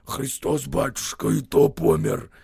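A man voicing a hoarse, wheezing old male soldier who mocks the others. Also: mid-range voice, wildly swooping pitch, measured pace, a little mellow, no echo, studio quality, full character voice. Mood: mocking.

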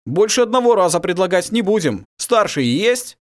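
A man's voice: sing-song, normal speed. A man voicing Vladimir, a fiery young prince. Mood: commanding. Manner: forceful, raised higher voice. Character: young resolute human prince, commanding and passionate.

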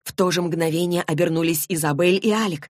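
A woman reads a fantasy novel aloud in an even, measured way. Her voice sits fairly low and sounds close and dry, with no room around it. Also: no room sound. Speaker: narrator. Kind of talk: audiobook narration.

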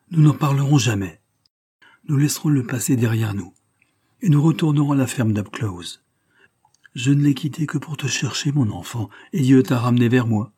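A man reading the part of a grieving older farm mother, speaking softly and soothingly in a hushed voice. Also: mid-range voice, slightly rough, lightly acted.

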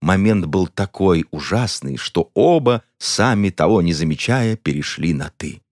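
Deep-voiced man narrating a comic tale. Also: a little slow, dry recording, clean studio sound. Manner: expressive, mock-dramatic. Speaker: audiobook narrator. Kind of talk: scripted narration of a comic story.

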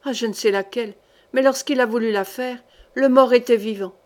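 Here is a terrified hired thug from a historical novel, spinning a long, breathless tale of horror to his duke. He swears and pleads as he talks, as a woman reader plays him. The voice sits slightly high. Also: steady tone, brisk, lightly acted. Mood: fearful pleading. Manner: rambling, dramatic storytelling. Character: frightened male henchman pleading with a duke.

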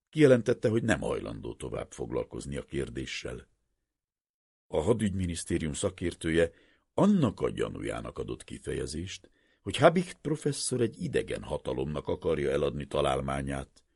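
Deep, husky male audiobook narrator. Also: a little mellow, dry recording, clean studio sound. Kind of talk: audiobook reading of a novel.

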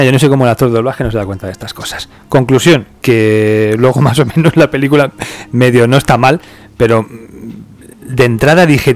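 A man from hosting a casual podcast, chatting about a film and reading out listener comments. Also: medium pitch. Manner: relaxed, chatty, laughs and swears now and then. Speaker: podcast host.

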